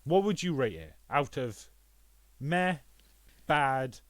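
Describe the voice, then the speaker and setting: A man co-hosting a podcast, chatting casually and excitedly, swearing and acting out characters' lines. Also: medium pitch, slow, a little hiss or hum. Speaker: podcast co-host. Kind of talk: casual chat.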